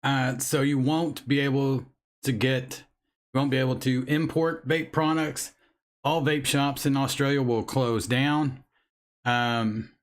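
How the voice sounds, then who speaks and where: A man talks straight to his viewers in a casual live chat. He is blunt and angry and swears freely, and his voice sits at an ordinary middle pitch. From United States. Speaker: vape channel host. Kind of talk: casual livestream chat reading chat.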